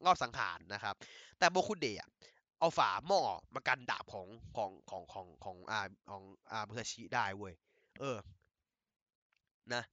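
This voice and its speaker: A man excitedly retelling an anime episode in casual chat, laughing often and using crude slang. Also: fairly low pitch, normal speed, no echo, highs cut off. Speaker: anime recap host.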